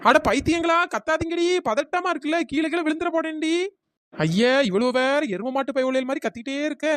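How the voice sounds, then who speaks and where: A woman's voice: sits high, expressive, fairly quick, dry recording, studio quality. Voiced as a bold, scolding young village woman. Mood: tense. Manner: sharp, scolding. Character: bold young woman climbing a palm tree, bossy. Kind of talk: cartoon voice acting.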